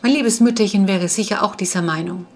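A woman's voice: medium pitch, fairly quick, lightly acted. A woman reading the part of a polite vampire boy who slept for centuries, speaking in a courtly, archaic, wondering manner.

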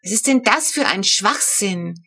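A grumpy, irritable teenage brother from a storybook, voiced by a woman reading aloud in her own voice. He talks quickly and impatiently. The tone is breathy. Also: medium pitch, expressive, pushed and bright, heavily acted.

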